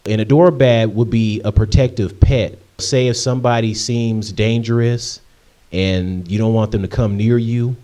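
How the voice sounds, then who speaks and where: A young man in his late twenties with a lowish, mellow voice answers viewer questions in a relaxed vlog. He talks in a chatty, rambling way, repeating himself and filling pauses with ums. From Michigan, USA. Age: 20s. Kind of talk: casual Q&A vlog.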